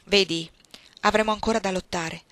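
A woman's voice: mid-range voice, steady tone, normal speed, a bit bright, dry recording, close to an everyday voice. A woman voicing a shrewd, imperious old grandmother who is bedridden, speaking in an insistent, sly and coaxing way in an audiobook. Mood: confiding.

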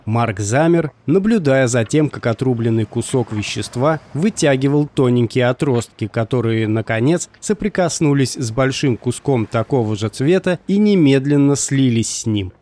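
A man narrating an audiobook story in a steady, measured reading. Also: mid-range voice.

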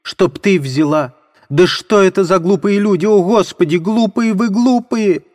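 A frantic impoverished widow, as a male reader puts her on, shrieks and pleads in a shrill, raised voice. Her outcries tumble out in a breathless rush. It is a character voice in an audiobook reading. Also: unhurried, lightly acted. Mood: anguished.

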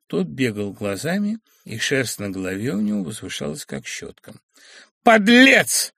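A man narrating a classic novel as an expressive, dramatic audiobook reading. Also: medium pitch, normal speed, creaky, slightly rough, no room sound.

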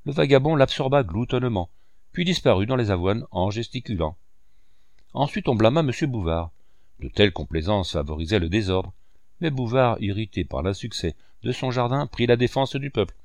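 A man narrating an audiobook of a classic novel in a measured, expressive reading voice on a close mic. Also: on the low side, no echo.

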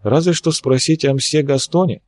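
A man reading an audiobook, voicing a steady, protective middle-aged army captain in a calm, concerned manner. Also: a little high, moderate pace, pitched above the performer's own voice, lightly acted.

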